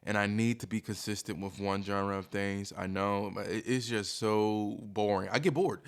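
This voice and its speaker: Male streamer, lower-pitched voice. Candid, casual confessional delivery that rambles and hesitates, putting himself down as he goes. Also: fairly even intonation, moderate pace, clear, resonant tone. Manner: self-deprecating; rambling, hesitant, thinking aloud.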